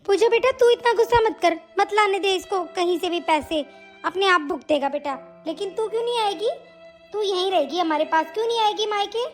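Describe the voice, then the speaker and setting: Woman plays doting mother: coaxing, protective of daughter, high pitch over faint music. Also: a little fast. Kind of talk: animated family drama dubbing.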